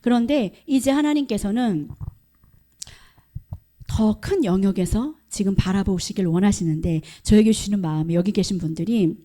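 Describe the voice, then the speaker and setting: Middle-aged woman pastor, emphatic sermon voice, warm and mellow. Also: mid-range voice, normal speed. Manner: emphatic preaching, asks the congregation questions. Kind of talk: sermon at a prayer meeting. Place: church hall.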